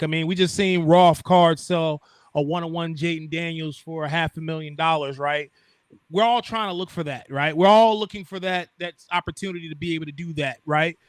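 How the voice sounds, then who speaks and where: A man co-hosting a casual podcast chat, talking over a laptop mic on a call, animated and restarting his sentences. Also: fairly high pitch, no room sound, studio quality. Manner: animated, repeats words when starting a point. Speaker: podcast co-host.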